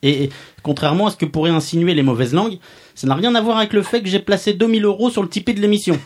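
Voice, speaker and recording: A man's voice: sits high, rapid-fire, a little hiss or hum, lightly acted. Male performer as a pompous, sardonic podcast columnist, mock-serious comic roast. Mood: smug, mocking. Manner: mock-pompous, sardonic, chuckling at own jokes.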